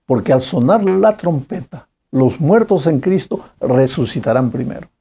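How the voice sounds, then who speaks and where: A man's voice: on the high side, mellow, breathy edge. A man preaching a Bible commentary, emphatic and addressing listeners with direct rhetorical questions. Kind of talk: sermon-style Bible commentary.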